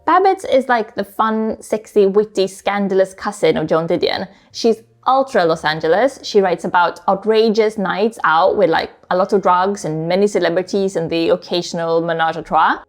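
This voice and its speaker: Speaking at normal speed with few pauses, a medium-pitched woman, a Swedish native speaker, recommends books on her YouTube channel, talking straight to the camera. Her style is chatty and informal with frequent "like"s, and soft music plays in the background.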